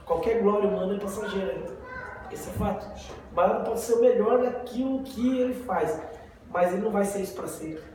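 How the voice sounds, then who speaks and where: A Brazilian man leads a relaxed Bible study, chatting, joking and throwing rhetorical questions at his listeners. His voice sits high, and he stands well back from the mic in a very echoey room. Steady background noise runs under the whole recording. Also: brisk, far from the mic. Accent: Brazilian Portuguese. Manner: conversational, tells jokes, asks rhetorical questions. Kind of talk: casual Bible study teaching.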